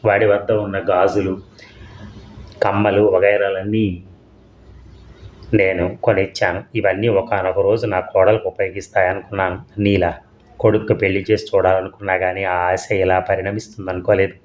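A man's voice: deep voice, level tone, normal speed, lightly acted. A man reading as a remorseful old mother-in-law. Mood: pleading. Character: elderly woman, mother-in-law, remorseful and pleading. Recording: dull lo-fi audio.

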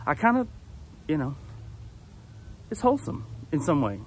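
A vlogger chats casually to a phone held at arm's length in his backyard, an easygoing walk-and-talk monologue where he rambles and corrects himself as he goes. His voice is on the high side with wildly swooping pitch at normal speed. The poor audio carries a little hiss or hum.

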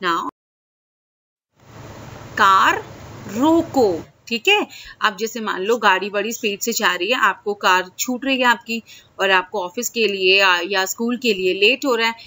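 A woman teacher explaining simple English sentences to children in Hindi, checking in often and saying the example phrases slowly. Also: mid-range voice, sharp tone, a little hiss or hum. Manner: slow, drawn-out example sentences. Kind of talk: classroom-style lesson to children.

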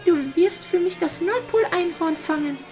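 A man playing a shrill, cackling old witch. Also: normal speed, darkish tone, faint music behind. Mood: commanding. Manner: commanding, theatrical and scheming. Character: cackling old evil witch, scheming and bossy. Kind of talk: puppet theater play.

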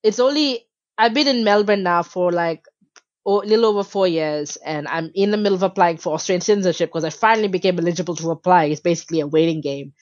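Animated woman guest on a dull line. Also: fairly low pitch, quick pace, dry recording. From Malaysia. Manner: animated, emphatic, frequent fillers. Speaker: podcast guest. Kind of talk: casual interview talk.

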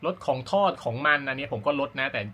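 Male vlogger, medium pitch, sharp bright voice, informal and rambling amateur-runner chat. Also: fast, a little hiss or hum. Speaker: amateur runner hosting a running vlog. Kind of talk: casual talk to camera about personal routine.

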